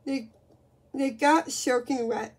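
A woman's voice: sits high, slow pace. A woman reading a children's book aloud, with frequent slips and restarts.

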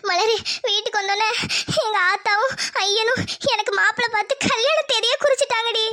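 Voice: extremely high pitch, fairly even intonation, a little fast, sharp tone. Someone voicing a tearful young bride. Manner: tearful, despairing. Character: young village woman, distressed bride-to-be.

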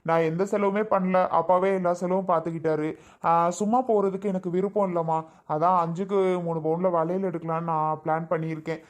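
A woman's voice: fairly low pitch, fairly even intonation, fast talker, close to an everyday voice. A woman playing an exasperated young husband. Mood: casual. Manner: scolding, exasperated. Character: protective young husband and brother. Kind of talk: family skit acting.

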